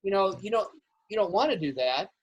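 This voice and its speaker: Man, club regular, husky voice, heard over a breaking-up video call, rambling chat. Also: high-pitched, lively intonation, brisk, lo-fi sound. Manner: rambling, repeats words as he restarts. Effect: on a video call, audio breaking up. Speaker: astronomy club board member. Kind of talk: casual chat on a live club session.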